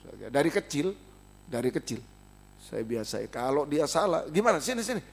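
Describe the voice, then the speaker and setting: A middle-aged man preaching a sermon in a high, husky voice. His pitch leaps and falls all the time. He swings from loud emphatic outbursts to hushed asides. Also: very animated, fairly quick. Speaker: pastor.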